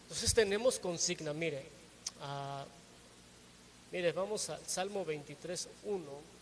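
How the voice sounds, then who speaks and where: A man's voice: a little high, takes it slowly, slight background noise. A man preaching a sermon to his congregation, teaching with rhetorical questions and often checking in with tag questions.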